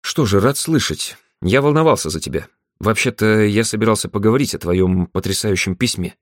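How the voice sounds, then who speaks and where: A man reading a male caller who speaks slowly and carefully in an audiobook. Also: fairly low pitch, expressive, no room sound, clean studio sound, natural voice.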